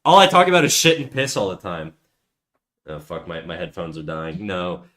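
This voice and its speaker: A low-pitched, slightly bright voice, expressive and at a moderate pace, belongs to a man who draws while livestreaming. His casual chat meanders, is full of swearing and self-mockery, and often restarts mid-sentence.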